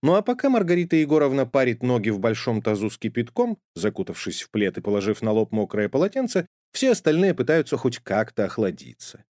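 Man, storybook narration, lively expressive pitch, dry close sound. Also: brisk, hardly any pauses, dry recording.

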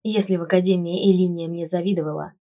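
Brief: woman audiobook narrator, lowish voice, wry and expressive. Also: fast talker. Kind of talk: first-person audiobook narration.

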